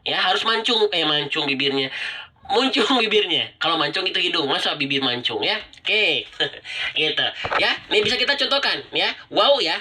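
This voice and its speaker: Bright-voiced man teaching recitation. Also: high voice, expressive. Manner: repetitive, drawn-out pronunciation demonstrations; chatty, addresses viewers directly. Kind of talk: live-streamed tajwid lesson.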